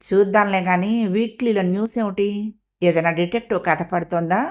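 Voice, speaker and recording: A weary older sister, voiced by a woman reading an audio story. She asks dry, sceptical questions in an even, mid-pitched voice. She sounds tired and ironic. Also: fairly quick, lo-fi sound, close to an everyday voice.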